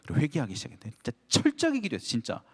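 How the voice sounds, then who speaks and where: A man, a pastor, preaching a sermon to a young adults' service, acting out his own prayers with animated storytelling and putting direct questions to the congregation. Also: mid-range voice, very fast. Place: church sanctuary. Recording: long hall reverb.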